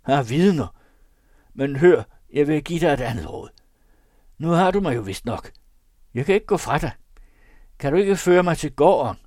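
A man voicing a desperate male poacher who begs loudly for his life in a high, strained voice. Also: animated, long pauses, no echo, clean studio sound. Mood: wheedling. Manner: high, loud, begging.

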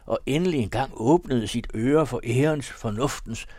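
A man's voice: mid-range voice, warm tone, no room sound, clean studio sound, voice pushed up, natural voice. A man voicing a small, round, fawning male executioner in a classic novel reading, wordy and mock-dignified.

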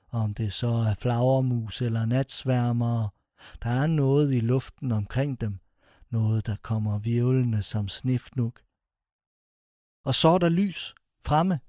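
A man reads a scripted horror story aloud, with a dark, mellow voice and a close, dry studio sound. His delivery is suspenseful, and he slows down to let the dramatic phrases land. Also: medium pitch, dry recording. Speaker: narrator.

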